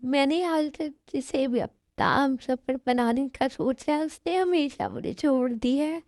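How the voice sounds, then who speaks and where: Woman voicing a heartbroken young woman, weepy, pleading, high, mellow, dry recording. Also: measured pace, dry recording, natural voice. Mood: tearful. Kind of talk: amateur dubbed love story.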